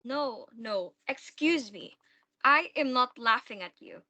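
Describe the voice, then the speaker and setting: A woman's voice: fairly high pitch, animated, slow, pushed and bright, heavily acted. A woman acting a bold, mocking young stepdaughter in a dramatic stage-play reading. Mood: mocking, insistent.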